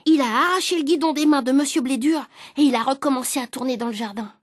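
A woman reading a children's story aloud in the voice of the boy narrator, lively and expressive. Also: sits high, quick pace, dry recording, clean studio sound.

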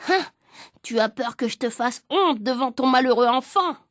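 A stout, pompous neighbor full of mockery and bragging, acted out by a woman reading aloud. He speaks in a fairly high voice with a lofty, needling manner. The recording is close and dry. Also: lively intonation, moderate pace, fairly bright tone, no echo. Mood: mocking, pompous. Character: pompous portly middle-aged neighbor, mocking and boastful.

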